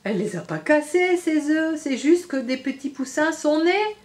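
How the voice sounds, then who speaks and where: A woman teacher reading a storybook aloud to young children, expressive and stopping to comment to them directly. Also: high voice, normal speed.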